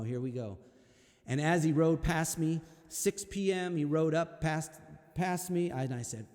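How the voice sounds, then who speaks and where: Man telling a slow, hushed story. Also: a little high, big-room sound. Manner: slow, hushed, reflective telling with halting repeats. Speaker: folk singer telling a story between songs. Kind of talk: spoken storytelling at a live-streamed concert.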